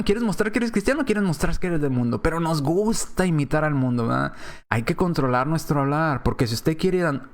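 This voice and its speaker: A man preaching a sermon in a conversational way, slipping into other voices to act out quoted speech. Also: on the high side. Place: church.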